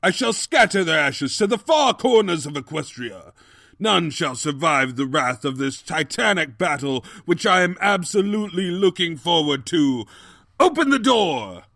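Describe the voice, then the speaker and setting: A man's voice: fairly high pitch, very animated, unhurried, fairly bright tone, no room sound, studio quality, full character voice. A man playing an evil, scheming, cowardly pony king in a comedic audio drama, pompous and melodramatic. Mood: grandiose menace. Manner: pompous, melodramatic, slipping into evasive excuses. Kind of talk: comedic fan fiction audio drama acting.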